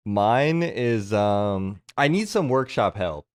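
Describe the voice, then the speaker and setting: A man's voice: on the low side, lively intonation, slow, clean tone, no echo. A young man co-hosting a comedy podcast in casual chat, giggly and tripping over his words, on a close mic. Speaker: podcast co-host.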